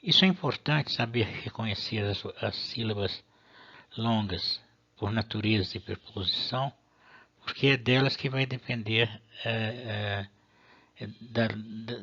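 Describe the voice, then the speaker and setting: A man's voice: on the low side, fairly bright tone, breathy edge. Methodical man teaching, lo-fi. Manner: patient, methodical, with hesitant restarts. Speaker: Latin teacher. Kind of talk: explanatory video lesson. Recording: dull lo-fi recording.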